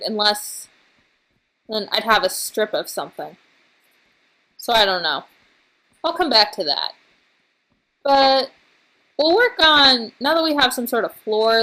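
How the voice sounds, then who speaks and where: A tired woman talks her way slowly through a building game, still recovering from being sick. She rambles in a halting way, trailing off and picking her thoughts back up. Her pitch sits in an ordinary middle range. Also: a bit bright, poor audio. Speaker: let's play host. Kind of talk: casual gameplay commentary.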